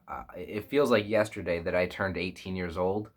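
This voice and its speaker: Young man, mid-twenties, low voice, reflective, rambling, phone-recorded vlog, small foam-lined room. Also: steady tone, moderate pace. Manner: reflective, rambling with many fillers and restarts. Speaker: vlogger. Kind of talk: candid personal vlog. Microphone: phone camera at close range.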